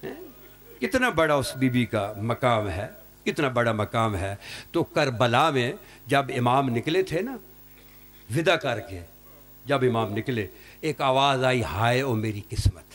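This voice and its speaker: A man delivering an emotional mourning sermon as a cleric, with rhetorical tags and sudden leaps in pitch and loudness. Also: sing-song. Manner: impassioned, swinging sharply in pitch and loudness, rhetorical "hain?" tags. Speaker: Shia cleric leading a Muharram majlis.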